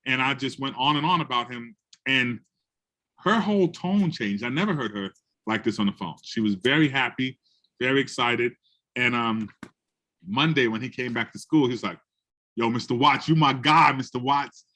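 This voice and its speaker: A man's voice: mid-range voice, moderate pace. A man from the Bronx, an educator telling classroom stories in a conversation and acting out the people he quotes. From the Bronx, New York. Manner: animated, acts out quotes in other voices. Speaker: educator and guest speaker. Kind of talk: storytelling in a conversation.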